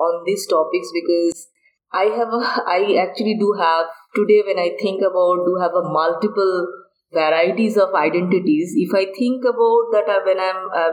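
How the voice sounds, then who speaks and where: A woman's voice: fairly low pitch, poor audio. A woman from Bangladesh, a researcher being interviewed, who talks hesitantly with many fillers and restarts. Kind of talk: podcast interview. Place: on a university campus.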